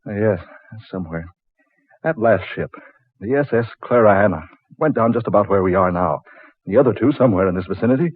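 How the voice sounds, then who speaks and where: A man's voice: on the low side, animated, fairly quick, slightly rough, dry recording. A man playing an intense, anxious, insistent reporter at sea in an old-time radio drama, with a thin AM radio sound. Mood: anxious, subdued. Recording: tinny, noisy old AM radio recording.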